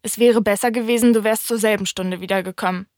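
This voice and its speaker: A woman voicing a wise, wistful fox in an audiobook reading, speaking in a calm, thoughtful, explaining way. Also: medium pitch, fast talker, no room sound, studio quality, lightly acted. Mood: patient.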